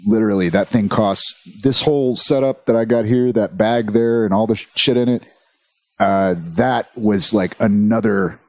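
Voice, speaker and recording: A podcast co-host with a lowish voice talks at a moderate pace in a dry recording. In casual chat he rambles and swears, telling animated stories and slipping into quoted voices.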